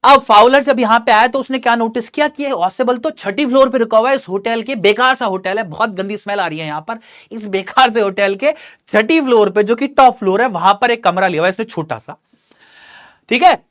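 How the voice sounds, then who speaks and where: Male teacher, young adult, reads english lines slow then explains fast. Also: very high-pitched, a bit bright. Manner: reads English text slowly, then explains briskly in Hindi. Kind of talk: bilingual literature lesson, reading and explaining.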